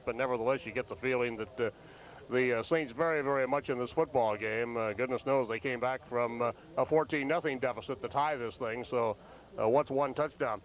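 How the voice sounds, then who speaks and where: A male sportscaster talks through a game at halftime. His pitch is average, and he speaks in a measured, conversational way with frequent pauses. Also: low-quality recording. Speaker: play-by-play sports broadcaster. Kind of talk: live halftime sports commentary.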